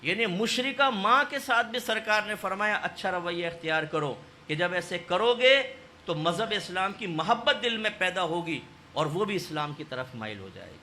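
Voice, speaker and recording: A male Islamic preacher delivers a storytelling sermon. His voice sits high and sounds sharply bright, rising to loud exhortation and dropping to hushed narration, with a faint hiss of noise behind it. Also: lively intonation.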